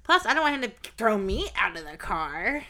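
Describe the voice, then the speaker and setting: Blunt bright-voiced young woman. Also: mid-range voice, normal speed. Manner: blunt, swearing, animated storyteller. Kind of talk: casual candid chat.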